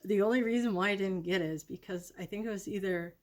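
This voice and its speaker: A woman's voice: mid-range voice, fast, a little mellow. A woman vlogging casually about her product predictions, rambling and correcting herself with many ums.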